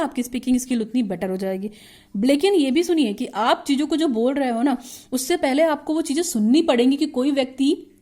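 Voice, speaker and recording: A woman teacher giving an explanatory lesson, asking herself questions, restarting words and reading out English lines slowly. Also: high-pitched, darkish tone. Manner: mixes Hindi with slow, drawn-out English read-outs; frequent self-questions and restarts.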